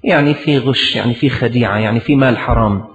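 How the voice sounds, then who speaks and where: A man delivers a storytelling sermon, hammering his points home through repeated phrases. His voice sits at an ordinary middle pitch. The recording carries a long hall reverb and a dull, lo-fi tone. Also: fast talker. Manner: storytelling, repetitive emphatic phrasing. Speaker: preacher.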